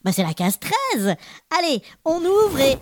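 A woman's voice: sits high, very animated, measured pace. A woman playing a cheerful little Christmas elf who hosts a children's podcast with bubbly, playful chatter. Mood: cheerful, welcoming. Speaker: podcast host.

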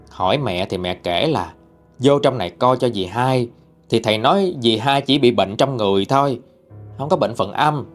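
A man with a Southern Vietnamese accent narrates ghost stories in a chatty, colloquial way. His mid-pitched voice rises and falls a lot, and faint music plays underneath. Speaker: storyteller reading listener-sent ghost stories. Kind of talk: spoken ghost story narration.

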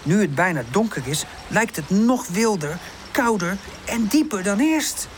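A woman narrating a children's audiobook in an expressive storytelling manner. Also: mid-range voice, a little slow, slight background noise.

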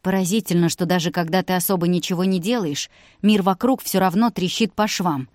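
A woman voicing a gloomy, wryly joking young man, dropping her voice lower and quieter for him. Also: brisk, dry recording, clean studio sound, close to an everyday voice. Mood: glum wry. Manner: low, glum, grudging.

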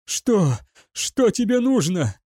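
A man voicing a frightened young male cadet who stammers and shouts in panic. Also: sits high, very animated, takes it slowly, dry recording, studio quality, voice pushed up, exaggerated voice. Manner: panicky outbursts.

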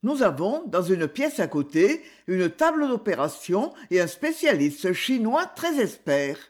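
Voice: medium pitch, sing-song, measured pace. A reader voicing a cool, commanding young woman detective in an audiobook, who can slip into a stammering tipsy act. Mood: cold commanding. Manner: shifts from drunken stammering to icy command.

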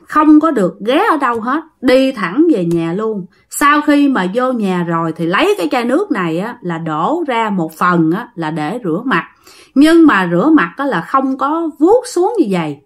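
Southern Vietnamese woman telling a ghost story. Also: mid-range voice. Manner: animated, repeats words for suspense, addresses listeners directly. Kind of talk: retelling a ghost story to listeners.

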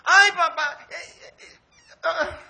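Man putting on a high squeaky little girl, whiny, pleading, whimpering. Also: steady tone, slow pace, vocal fry, pushed and bright, exaggerated voice. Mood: whining. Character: whiny little girl begging her dad.

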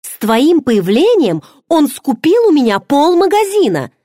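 A woman's voice: high voice, very animated, a little slow, dark tone, no echo, clean studio sound, voice pushed up. A woman voicing a playful, nosy young pregnant friend who teases with pushy questions. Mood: teasing. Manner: teasing, bubbly, pushy questions.

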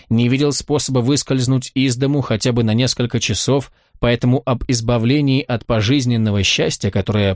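A man narrating a first-person audiobook in a dry, ironic, measured way. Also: medium pitch, dry recording.

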